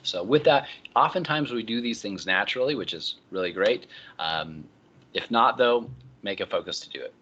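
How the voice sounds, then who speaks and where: A man lecturing a class, explaining in a relaxed way with many ums and uhs. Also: on the low side, moderate pace, lo-fi sound, slight background noise.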